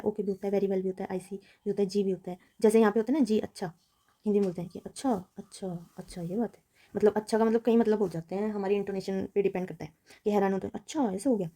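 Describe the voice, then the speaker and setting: A young woman walks through a language lesson in an even, level tone. Her voice is deeply mellow and warm, with little rise and fall. She pauses on fillers and slows down for read-out passages. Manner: explains in Hindi mixed with read-out English passages, many fillers. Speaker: Japanese language teacher. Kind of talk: recorded lesson explanation.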